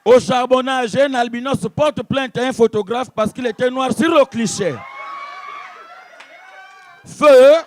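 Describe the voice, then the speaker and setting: A man telling stand-up jokes as mock news bulletins with shouted tags. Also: extremely high pitch, fairly even intonation, a little slow, long pauses, a faint crowd. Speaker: comedian. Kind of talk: stand-up joke delivery.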